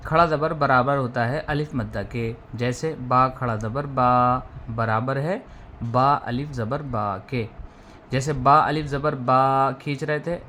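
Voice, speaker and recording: Slow, patient male recitation teacher. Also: medium pitch, bright, forceful tone, a little hiss or hum. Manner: slow, drawn-out drilling of letter sounds, repeating each rule. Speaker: Quran reading teacher. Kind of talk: step-by-step recitation lesson.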